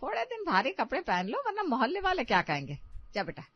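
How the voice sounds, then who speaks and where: A woman's voice: high voice, wildly swooping pitch, fast talker, husky, pitched above the performer's own voice, exaggerated voice. A woman voicing a traditional middle-aged mother-in-law who lectures firmly. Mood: lecturing. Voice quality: firm, lecturing. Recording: dry, slightly dull recording.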